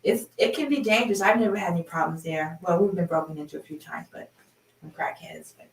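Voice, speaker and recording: Chatty storyteller, woman in her fifties, animated delivery; distant mic, reverberant room. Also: fairly low pitch, fast, vocal fry. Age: 50s. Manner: chatty, animated, laughs while telling. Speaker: sound healing host. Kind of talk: personal storytelling. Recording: roomy, from a distance.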